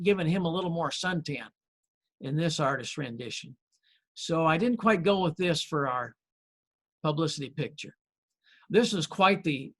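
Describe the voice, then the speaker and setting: A man preaching as pastor in a conversational sermon, telling stories with gentle humor and friendly, unhurried pauses. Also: on the high side, husky. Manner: folksy storytelling with gentle humor.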